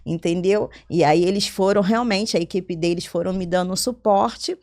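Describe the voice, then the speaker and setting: A businesswoman being interviewed, telling her story in a lively, conversational way, often acting out her own quoted lines and asking "entendeu?". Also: on the low side, normal speed. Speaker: interview guest, business owner.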